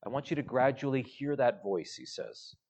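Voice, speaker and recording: A man preaching a sermon in a slow, measured way, letting his phrases trail off softly. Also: mid-range voice, big pitch swings, gravelly, husky.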